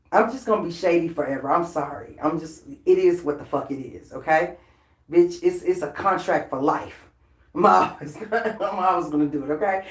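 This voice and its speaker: A woman vlogger in a casual, unscripted rant, blunt and profane and laughing between lines. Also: on the low side. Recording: roomy echoey room.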